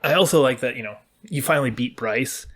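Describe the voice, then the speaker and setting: A man talking casually through a story's best moments, now and then slipping into quick put-on voices for the characters. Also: medium pitch, fairly bright tone, breathy edge. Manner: chatty, acts out characters' lines in quick voices. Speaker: gaming channel host. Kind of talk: casual spoiler discussion.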